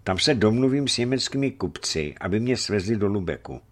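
A man reading a story and voicing a serious, thoughtful leader who speaks slowly and earnestly to his companions. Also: lowish voice, lively intonation, pitched above the performer's own voice, close to an everyday voice. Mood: earnest, cautious. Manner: slow, deliberate, earnest. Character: grave, thoughtful Russian male leader, middle-aged.

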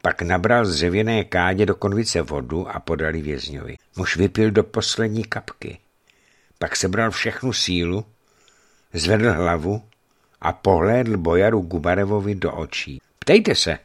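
A man narrating a novel as an audiobook, telling it in a dramatic, expressive way. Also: low-pitched.

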